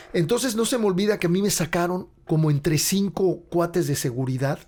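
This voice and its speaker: A man's voice: on the high side, darkish tone. Mexican man telling rambling stories. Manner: rambling anecdotal telling with slang. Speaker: podcast host and rock musician. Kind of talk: casual storytelling monologue.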